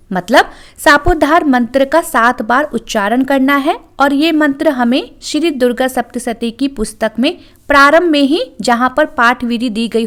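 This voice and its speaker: A woman presenting a devotional channel, calmly explaining a ritual step by step in scripted narration. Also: high voice.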